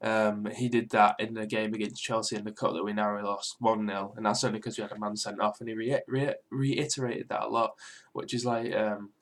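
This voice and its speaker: A young British man with a sore throat talking quietly but clearly in a casual, rambling, sweary football reaction vlog. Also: on the low side, level tone, brisk. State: mildly ill with a sore throat. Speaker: football fan video host.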